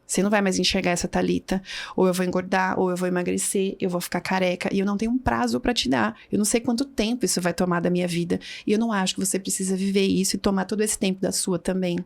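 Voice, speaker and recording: A woman's voice: medium pitch, little pitch movement, fast, gravelly. A woman in her thirties, a podcast guest, telling a personal story and acting out the dialogue as she goes. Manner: vivid storyteller who acts out quoted dialogue.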